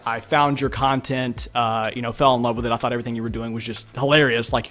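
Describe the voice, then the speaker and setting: Male host, casual and loose, lots of fillers, talks fast, faint music underneath. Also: medium pitch, fairly bright tone. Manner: loose, filler-heavy, admits putting on energy. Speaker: interview host. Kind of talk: casual conversation.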